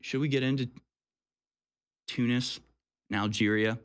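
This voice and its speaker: A man's voice: mid-range voice, fairly even intonation, measured pace. A man hosting a call-in talk show, delivering sarcastic, mocking political commentary.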